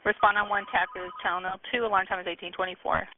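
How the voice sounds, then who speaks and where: A woman's voice: medium pitch, steady tone, fast talker, narrow, tinny audio. Woman dispatcher on a noisy radio. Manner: clipped, procedural. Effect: two-way radio. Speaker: fire dispatcher.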